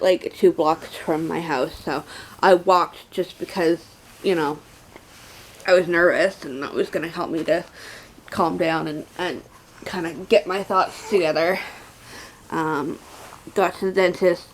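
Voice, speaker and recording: A young woman talks through a casual vlog update at a very unhurried pace. Her voice sits a little low for a woman, and her words come out slurred and lisping, as from a mouth without teeth. She pauses often as she goes. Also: darkish tone. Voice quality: slurred, lisping toothless speech. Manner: slow, halting, with many pauses. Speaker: vlogger.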